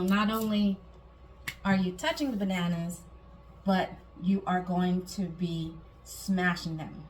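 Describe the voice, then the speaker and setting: A woman talks through a recipe in a casual, chatty way at a medium pitch. She explains things step by step like a home cooking host, adding small personal asides. Clear background noise and room ambience sit behind her voice. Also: rough recording. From Guam.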